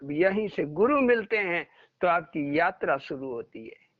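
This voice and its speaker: A man's voice: a little high, animated, measured pace, dry recording. A man giving a devotional satsang talk, telling stories and acting out the dialogue in them. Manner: storytelling, acting out quoted dialogue. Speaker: spiritual teacher. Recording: muffled lo-fi recording.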